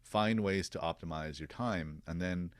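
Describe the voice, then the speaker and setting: A man's voice: low-pitched, a little slow, dry recording. A man hosting a podcast interview, talking in an earnest, reflective way with many fillers. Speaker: podcast host. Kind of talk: casual interview chat.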